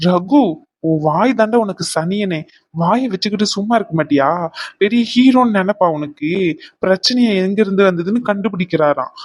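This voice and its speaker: A woman's voice: mid-range voice, animated, normal speed, darkish tone, dry recording, studio quality, lightly acted. A woman voicing a young husband in a cartoon who coaxes, teases and pleads with his upset wife. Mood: remorseful. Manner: coaxing, teasing and pleading. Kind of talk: cartoon voice acting.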